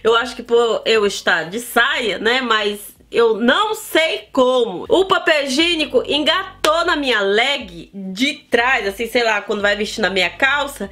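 A Brazilian woman in her thirties with a northern Brazilian accent, telling a story to camera in a relaxed vlog. Her voice sits high, and she talks in a chatty, animated way, often addressing her viewers as close friends. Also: a little slow, hardly any pauses. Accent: Brazilian Portuguese, northern. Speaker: vlogger.

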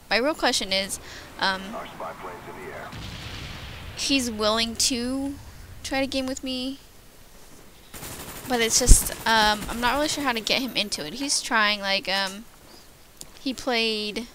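A woman's voice: a little high, sharp tone. A young woman giving casual gameplay commentary, rambling with lots of fillers and stumbling over her words, tired from lack of sleep. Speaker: gaming commentator. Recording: noisy home recording.

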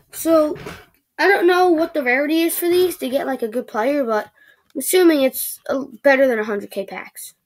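A woman giving excitable, chatty commentary while opening packs in a video game, often stammering. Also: high-pitched. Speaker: gaming video creator. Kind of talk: casual gaming commentary.

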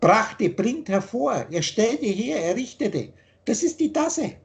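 A man's voice: high voice, big pitch swings, slow, creaky. A man teaching spiritual ideas over a video call, emphatic and lecturing, often rephrasing his points.

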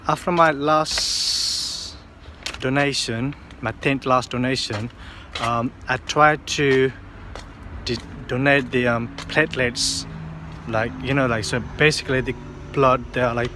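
A man's voice: medium pitch, fairly even intonation, slow. A man in his thirties vlogging to a phone at arm's length outdoors and in a car, rambling with many fillers and restarts. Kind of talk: casual vlog to camera. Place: outdoors on city streets, partly in a car. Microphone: phone held at arm's length. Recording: phone recording with clear street noise. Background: street and car noise.

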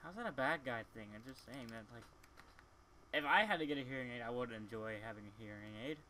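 A man's voice: mid-range voice, fast, pushed and bright, a little hiss or hum. A man chatting casually and teasing his friends while playing a block-building game, swearing freely. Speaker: let's play gamer. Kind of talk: casual gaming chat.

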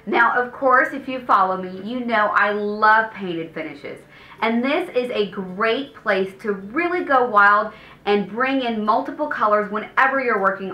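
A woman's voice: mid-range voice, bright, forceful tone. A woman in her thirties hosting a home design video, giving a polished, upbeat scripted presentation to camera. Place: indoor studio set with paneled wall. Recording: roomy echo, faint background music.

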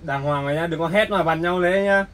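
A man's voice: fairly high pitch, fast talker, a bit bright, recorded from a distance, close to an everyday voice, poor audio. A man playing a stern police officer who warns a woman to behave. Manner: stern, warning. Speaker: actor in a family skit.

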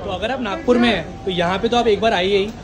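A man's voice: high-pitched, quick pace. A young man casually vlogging about a restaurant, chatty and upbeat, asking staff questions on a phone camera. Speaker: food vlogger. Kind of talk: casual food vlog. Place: busy city street outside a railway station and inside a restaurant. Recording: crowded street noise behind.

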